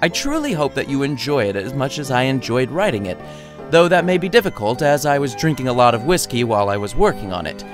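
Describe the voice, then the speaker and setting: Over music, a man with a medium-pitched, sing-song voice talks fast as he narrates his own comic story. His delivery is irreverent, sardonic, foul-mouthed, chatty and theatrical, and he addresses the listener directly.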